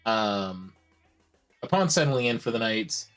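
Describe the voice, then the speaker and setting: A man recapping a tabletop game session, hesitant and filling pauses with ums and uhs. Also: on the low side, big pitch swings, a bit bright, soft background music. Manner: hesitant, many fillers. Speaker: player.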